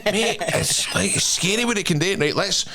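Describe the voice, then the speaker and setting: A Scottish man hosting a podcast, telling stories in animated, sweary slang and casual banter. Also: high-pitched, quick pace, gravelly, over loud music. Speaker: podcast host.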